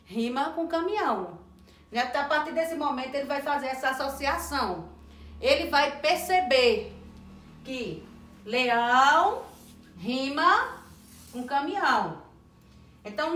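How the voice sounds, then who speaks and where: Woman educator, high pitch, clear instructional delivery that spells out sounds slowly; roomy echo on the track. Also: a bit bright. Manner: slow, deliberate sounding out of words and letters. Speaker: teacher trainer. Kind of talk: instructional lesson on early literacy. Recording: echoey room.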